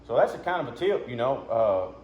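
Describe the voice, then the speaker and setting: A man's voice: mid-range voice, very animated, fairly quick, a little mellow. A man giving a casual, hands-on lesson as a duck calling instructor, talking in a folksy, plain-spoken way. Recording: muffled, roomy, with background noise.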